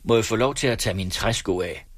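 A man's voice: on the low side, no room sound, pitched above the performer's own voice, natural voice. Man putting on a sly farmhand ex-rider, dry plain voice, mocks his opponent. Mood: pleading. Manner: plain-spoken, calm and wry. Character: sly, stubborn former cavalryman, a farmhand.

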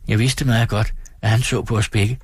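A man with a low, husky voice reads a classic novel aloud on late-night radio. He tells the story in a calm, measured way from a studio. The sound is dry and close, with no room around it. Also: no room sound. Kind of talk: read-aloud literary narration.

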